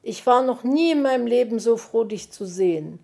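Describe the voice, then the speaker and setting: A fussy, jittery little gnome from a storybook, played by a woman. His voice is high and loud and sounds anxious. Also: animated, normal speed, gravelly. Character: small excitable male gnome.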